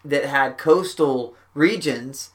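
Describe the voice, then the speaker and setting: This podcast host talks slowly in a mid-range voice, holding a casual conversation in a backyard shack. His talk is animated and wandering, full of profanity.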